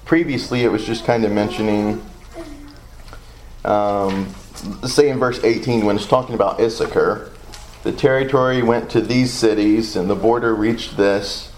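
A man with a Southern US accent leads a Bible study, reading scripture aloud and musing through it in a loose, halting way. His voice sits a little low, with a faint hiss of background noise. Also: a little mellow, rough recording. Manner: thinks aloud, loose and hesitant. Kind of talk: leading a Bible study discussion.

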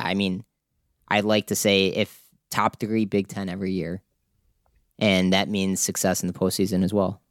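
Man, very deep voice, podcast co-host, hedging casual talk, dry sound. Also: no room sound. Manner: thinks aloud, hedging with right and like. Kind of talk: casual sports podcast chat.

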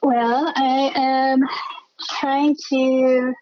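Woman artist, slightly high voice, slow and unsure, lots of ums, muffled dry call audio. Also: flat delivery, no echo. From Philadelphia area. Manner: hesitant, many fillers and pauses. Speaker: guest artist. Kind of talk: casual interview. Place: art studio. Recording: dull lo-fi remote line, dry.

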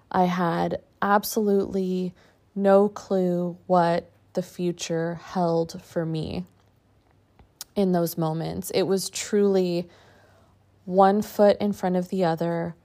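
A woman with a slightly low voice speaks at a very slow pace. She delivers a personal, reflective monologue as a podcast host and coach. Her phrases come short and halting, with pauses between thoughts. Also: mellow.

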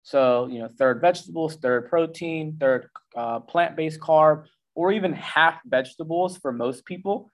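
A nutrition coach gives casual instructional advice on meal timing and food, his voice slightly high and a little slow. He talks loosely and conversationally with slang and filler words, even acting out the brain in goofy voices.

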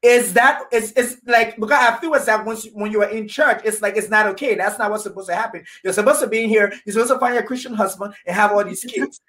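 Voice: mid-range voice, quick pace, hardly any pauses, a bit bright. Casual podcast host; loose, searching questions. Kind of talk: casual interview chat.

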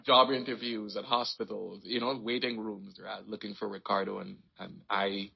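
A man raised in Trinidad and Tobago, telling his life story in a relaxed, rambling way as an interview guest. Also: fairly low pitch, moderate pace, vocal fry, slightly rough, muffled recording. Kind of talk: casual conversation.

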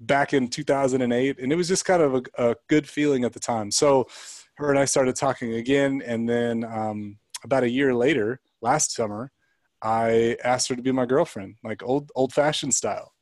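A man's voice: mid-range voice, moderate pace, darkish tone, dry recording. A man as an interview guest, telling a personal story in an earnest, reflective way with restarts.

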